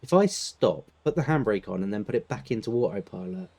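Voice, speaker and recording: Brief: laid-back British male gamer, low and warm, chatting over gameplay. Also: animated, fairly quick. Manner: laid-back, laughs often, clears throat. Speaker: gaming channel host. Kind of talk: casual gameplay chat.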